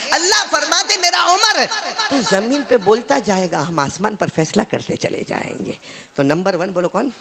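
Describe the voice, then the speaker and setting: A man's voice: high voice, gravelly, fairly bright tone, husky. A man preaching a sermon, telling stories animatedly and acting out the voices, calling on the listeners to answer.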